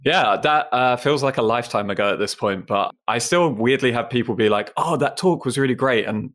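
A man's voice: medium pitch, fairly quick, a bit bright. A man in his thirties from Essex with an English accent, chatting casually and self-deprecatingly as an interview guest. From England (Essex). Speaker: podcast guest.

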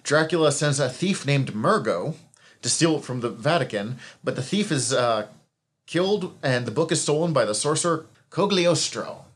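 A man's voice: a little high, expressive, moderate pace. A man co-hosting a casual podcast, walking through comic book backstory. He talks in a rambling way, stopping to correct himself mid-sentence and chuckling at his own asides. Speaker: podcast co-host recapping comics.

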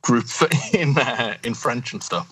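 A man's voice: medium pitch, takes it slowly, pushed and bright, breathy edge, low-quality recording. A man co-hosting a casual podcast chat, telling stories with many restarts and asides. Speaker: co-host.

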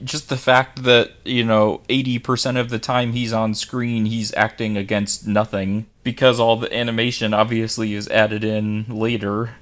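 A man in a casual podcast chat, giving steady explanations. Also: lowish voice, moderate pace, few pauses.

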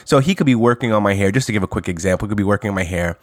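Dry-sounding, halting man on a podcast. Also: on the low side, no room sound. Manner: halting, many restarts, slangy, laughs often. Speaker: co-host. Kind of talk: casual podcast chat.

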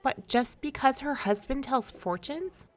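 A woman voicing a sharp-tongued, ambitious young wife in a folk tale. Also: on the high side, animated, normal speed, pitched above the performer's own voice. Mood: scolding. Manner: indignant, scolding.

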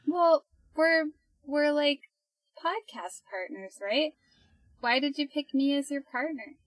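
A woman's voice: high-pitched, steady tone, a little slow, no room sound, poor audio. A young woman co-hosting a podcast, chatting in a casual, teasing way and laughing often. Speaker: podcast co-host.

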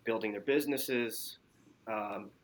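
A man with a fairly low voice speaks as a doctor being interviewed. He explains things in a measured way, often pausing on fillers. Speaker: physician guest. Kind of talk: interview answers.

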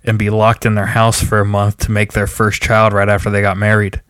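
A man co-hosting a casual podcast, brisk and matter-of-fact. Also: on the low side, monotone, fairly bright tone, clean tone, no echo, studio quality. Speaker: podcast co-host. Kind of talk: casual chat.

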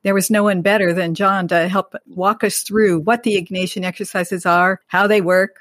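A woman's voice: medium pitch, steady tone, moderate pace, no room sound, clean studio sound. A woman co-hosting a podcast, giving a prepared guest introduction and leading an interview.

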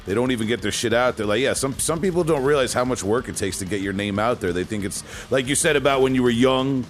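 A man's voice: medium pitch, fast talker, faint music behind. A man hosting a casual podcast interview, asking loose questions with lots of fillers and restarts.

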